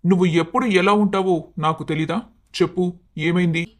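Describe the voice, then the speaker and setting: Cartoon story: a performer as an earnest young husband, mid-pitched, emotional. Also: steady tone, moderate pace, close to an everyday voice. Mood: concerned. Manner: pleading, emotional. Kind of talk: Telugu storybook cartoon dialogue.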